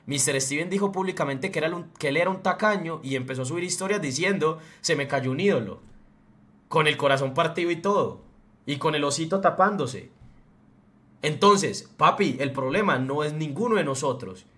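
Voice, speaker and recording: A young man from Colombia with a paisa accent, ranting on a livestream. He speaks in a slightly high voice, blunt and profane, and he gets fired up as he goes. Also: normal speed, a bit bright. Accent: Colombian Spanish, Antioquia. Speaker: streamer. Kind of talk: heated livestream rant.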